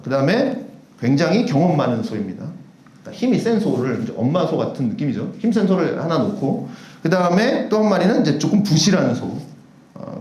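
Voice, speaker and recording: A man's voice: fairly high pitch, warm tone, reverberant. A man preaching a sermon as pastor, talking animatedly and asking the congregation rhetorical questions. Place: church sanctuary.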